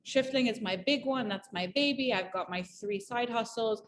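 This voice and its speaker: A woman's voice: a little high, moderate pace, slight background noise. A woman from Malawi in her thirties, a guest chatting in an interview in an upbeat, talkative way with many fillers and restarts. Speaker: entrepreneur guest. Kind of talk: casual conversational interview.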